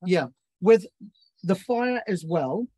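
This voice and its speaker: A man's voice: high-pitched, expressive, slow pace, warm tone, husky, dry recording. A man from New Zealand, a barbecue chef, chatting casually and explaining cooking step by step with plenty of fillers. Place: outdoors at a barbecue.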